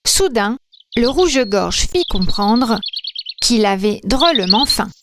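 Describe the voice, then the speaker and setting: A woman reading a children's Christmas story aloud in a clear, gentle manner. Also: a little high, expressive, slow pace, heavy background noise.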